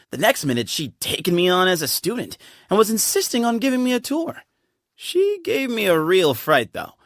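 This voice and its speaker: A slightly bright, fairly high-pitched male voice delivers game character lines as a laid-back, playful young leader of a desert temple, friendly and quick to laugh. The voice actor works on a studio mic in a dry booth with no room sound.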